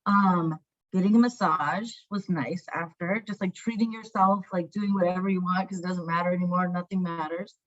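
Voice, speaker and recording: A woman's voice: lowish voice, steady tone, moderate pace. A young woman in her twenties, a panelist talking in a chatty, casual way with lots of "like". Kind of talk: casual chat. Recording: dull lo-fi audio.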